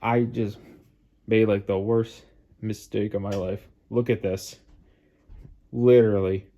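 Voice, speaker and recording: A man's voice: on the low side, little pitch movement, a little slow, dark tone. A man hosting his own vlog, rambling with lots of filler words, dejected and sighing as if close to tears. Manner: rambling, full of "like" fillers and restarts. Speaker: model train hobby channel host. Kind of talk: casual vlog monologue. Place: at home, by a staircase.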